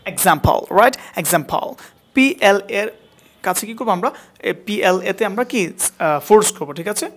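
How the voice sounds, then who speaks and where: A man's voice: high-pitched, lively intonation, normal speed, fairly bright tone. A man teaching a spoken English class, repeating words again and again to drill pronunciation and quizzing his student.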